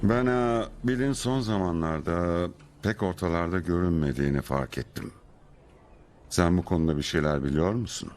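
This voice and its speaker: An actor dubbing a male lab supervisor who speaks briskly and asks pointed questions. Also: low voice, a little mellow, lightly acted. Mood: probing. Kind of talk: film dubbing.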